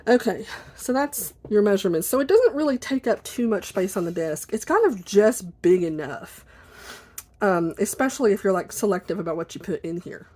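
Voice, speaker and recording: A woman with a medium-pitched voice talks in a casual vlog style. She rambles informally and apologetically, as if to friends. She sits at a desk indoors in a squeaky chair that creaks. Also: animated, moderate pace, a little mellow. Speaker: video blogger.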